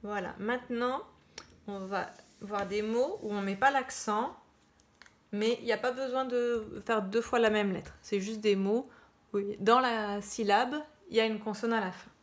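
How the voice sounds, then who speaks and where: A woman teacher giving children a slow spelling dictation, repeating each word and spelling it out. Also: mid-range voice, fairly even intonation. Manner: slow, deliberate, spells out words and repeats them. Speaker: primary school teacher.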